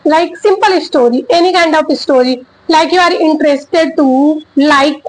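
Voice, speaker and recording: Talking casually to camera about learning English, a woman with an Indian accent, whose first language is Chhattisgarhi, uses simple, encouraging sentences. She speaks haltingly and searches for words. Her voice sits high, and the recording is low quality.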